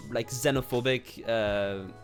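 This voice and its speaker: Speaking slowly in a mid-range voice with fairly even intonation, this young man from Poland has a Polish accent and faint music playing behind him. He delivers sweary, casual YouTube commentary, reads comments out loud, and laughs softly between his remarks.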